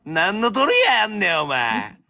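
A man's voice: high voice, huge pitch swings, normal speed, pushed and bright. A man with a Kansai accent hosting a live stream battle, teasing and throwing playful insults.

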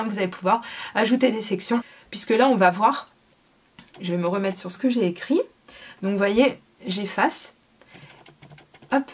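A woman talks through a product demo at her craft table. She explains each step in a chatty, relaxed way, often pausing on fillers. Her voice sits at a middle pitch. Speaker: crafting video host.

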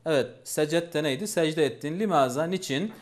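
Male teacher, patient and repetitive, voice a touch high. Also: normal speed. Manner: patient, repeats each phrase and asks questions. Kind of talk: language lesson.

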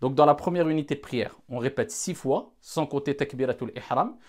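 A man's voice: medium pitch, brisk. A man giving a careful religious lesson, addressing the audience formally and repeating key points to stress them. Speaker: religious teacher.

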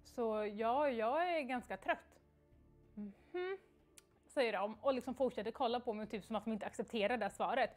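A young woman on a livestream telling a story in a casual, animated way and acting out the quoted dialogue, with lots of fillers. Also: on the high side, hardly any pauses, soft background music. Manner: frequent fillers like "liksom" and "jag bara".

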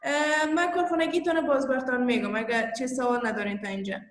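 A woman teaching English, who reads dialogue aloud slowly and talks to her pupils in Dari. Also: high-pitched, steady tone, echoey room. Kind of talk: online English lesson.

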